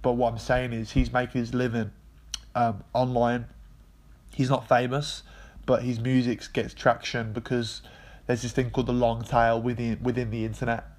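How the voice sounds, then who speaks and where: A man's voice: medium pitch, flat delivery, moderate pace, darkish tone. A man with a nasal, congested voice from a cold, explaining history in a rambling, casual monologue full of fillers and the odd swear word. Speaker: video essay host.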